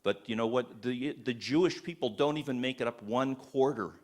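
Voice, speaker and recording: A man's voice: mid-range voice, moderate pace. A man giving an impassioned, sermon-style talk to a live audience, firing rhetorical questions and restarting his sentences often. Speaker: speaker at a church event.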